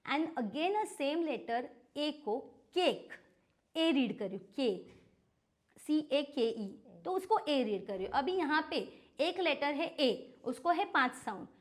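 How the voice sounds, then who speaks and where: An Indian woman who teaches phonics, explaining as a podcast guest in a mix of Hindi and English and slowly spelling out letters to make her point. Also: high voice, lively intonation. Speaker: phonics educator and franchise owner.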